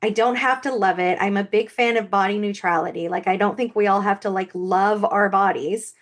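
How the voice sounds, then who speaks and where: Woman co-host, frank and earnest, mid pitch, restarts her sentences. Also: fairly even intonation, fairly quick. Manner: earnest, frank, repeats words as she thinks. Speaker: podcast co-host. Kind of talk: casual podcast chat.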